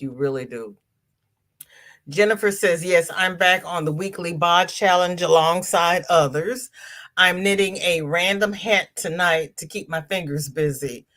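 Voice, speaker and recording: Her voice is lowish and a bit bright, with a congested sound, as she hosts a casual live crafting session. She greets viewers by name and reads their incoming comments out loud.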